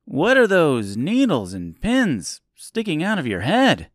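A man's voice: fairly high pitch, huge pitch swings, slow, no echo, clean studio sound, pitched above the performer's own voice, full character voice. A man reading an audiobook, voicing a sincere, polite tin man in a raised, earnest voice. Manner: earnest and loud. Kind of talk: audiobook character voice.

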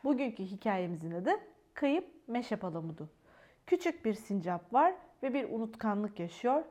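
A woman reading a bedtime story to children, gently talking to them directly. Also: mid-range voice, very animated, normal speed.

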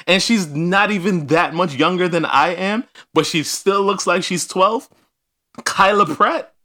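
A man's voice: sits high, unhurried, pushed and bright. A man co-hosting a podcast in casual chat, riffing and ranting with laughs. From New York. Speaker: podcast co-host.

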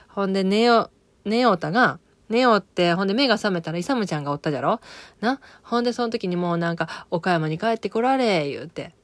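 A woman with a broad Okayama accent talks through a TV drama in a loose, rambling way, circling back with fillers and self-corrections. Her voice sits fairly low. The recording is close and dry, with no room sound. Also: dry recording. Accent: Okayama dialect of Japanese. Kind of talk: casual spoken recap of a TV drama.

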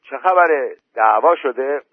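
A man's voice: mid-range voice, lively intonation, dry recording, voice pushed up. A man voicing a village headman who gives orders, recorded dry through a phone-like line. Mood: commanding. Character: village headman, calm authority.

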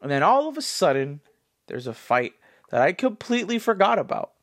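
A man in his twenties, congested, talking in a rambling, animated style full of fillers as a solo podcast host. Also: sits high, fairly quick. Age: 20s. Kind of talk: casual solo commentary.

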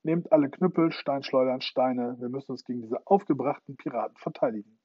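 Male narrator voicing a young boy leading a battle, commanding; husky, dry sound. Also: medium pitch, brisk, dry recording, lightly acted. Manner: commanding, shouting orders. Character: plucky boy leading the fight. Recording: dull lo-fi recording.

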